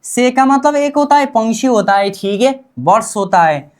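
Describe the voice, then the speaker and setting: A woman's voice: on the high side, lively intonation, moderate pace, darkish tone. Woman drilling pronunciation like a teacher. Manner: drills pronunciation, asks and answers her own questions. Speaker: Korean language teacher. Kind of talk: classroom-style language lesson.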